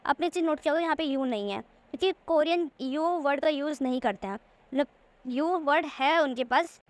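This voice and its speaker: A woman teaches a language lesson over slides, with a high, bright-sitting voice. She explains patiently and says each word slowly, often twice, so it can be copied. The recording is close and dry, with no room sound. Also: no room sound. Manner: patient, repeats words slowly to model pronunciation.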